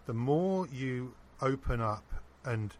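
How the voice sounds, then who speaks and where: A man being interviewed, earnestly telling a personal anecdote in a casual, animated way. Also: medium pitch, slow, slight background noise. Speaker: interview guest. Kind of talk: casual storytelling.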